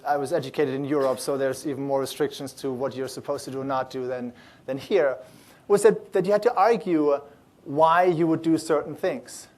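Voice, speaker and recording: With a slightly high voice, a man who founded a startup accelerator addresses a conference audience. He's upbeat and animated but speaks loosely, restarting sentences and leaning on plenty of fillers.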